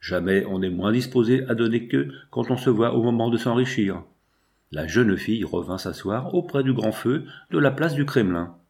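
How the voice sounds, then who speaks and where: A man narrates an old novel in a measured and expressive audiobook reading. His voice sits in an ordinary middle pitch for a man. The tone is steady storytelling throughout. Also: vocal fry.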